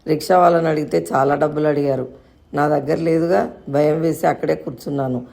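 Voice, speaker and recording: A woman's voice: low-pitched, fairly even intonation, brisk, creaky, warm tone. A woman voicing a chatty, innocent young boy who asks questions and rambles on.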